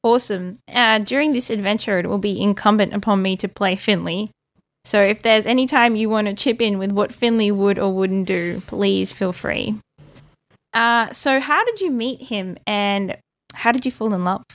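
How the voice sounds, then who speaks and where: A woman's voice: medium pitch, normal speed. A woman running a tabletop game as game master, encouraging the players with questions.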